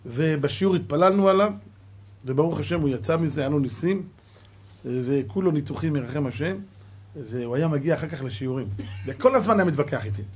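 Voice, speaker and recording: A middle-aged man, giving a Torah lesson as a rabbi and telling stories dramatically, swinging from loud exclamations to quiet asides. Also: on the high side, animated, a little hiss or hum. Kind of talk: animated Torah lesson with storytelling.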